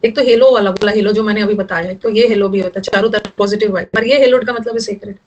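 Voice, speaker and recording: A woman's voice: mid-range voice, fairly even intonation, fast talker, a little mellow, highs cut off. A young woman teaching English vocabulary in Hindi, explaining word meanings and teasing her students a little. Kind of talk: online vocabulary lesson.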